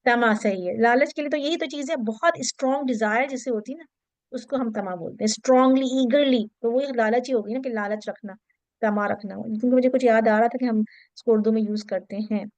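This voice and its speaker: Woman, teacher, interactive class lecture, explanatory, mixes in English terms, checks in with listeners, higher voice, dry sound. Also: darkish tone, no echo.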